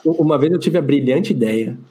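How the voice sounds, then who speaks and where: Relaxed Brazilian man chatting casually. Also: a little high, normal speed, slight background noise. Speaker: podcast co-host. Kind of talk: casual chat.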